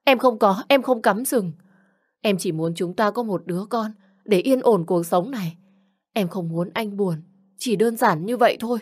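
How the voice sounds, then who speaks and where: A woman's voice: medium pitch, normal speed, a little mellow, voice pushed up, natural voice. A woman reading a story, voicing a frightened young wife who pleads and apologizes to her husband. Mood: pleading.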